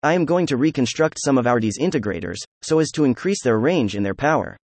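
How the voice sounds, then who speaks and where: A man narrates a story at a middle pitch, reading in an even, unhurried way. The sound is close and dry, with no room around the voice. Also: no echo. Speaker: audiobook narrator. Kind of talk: scripted narration.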